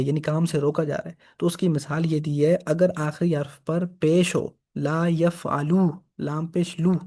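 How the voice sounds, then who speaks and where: A man's voice: a little high, warm tone. A man teaching Arabic grammar for reading the Quran, patiently repeating each example. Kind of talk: grammar lesson.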